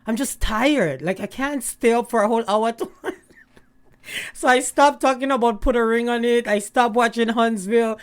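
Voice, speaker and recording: A woman's voice: on the high side, moderate pace. A middle-aged woman from Canada, a guest in a casual chat who tells stories in a chatty way and laughs often. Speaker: guest, YouTube gossip host.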